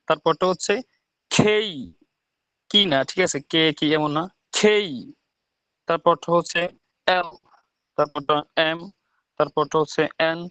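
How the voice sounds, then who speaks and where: A man's voice: a little high, a bit bright, dry recording, rough recording. A man teaching an online English class from a village home over his phone, often checking with "ঠিক আছে?". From Bangladesh. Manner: quick, repeats "ঠিক আছে?" to check students.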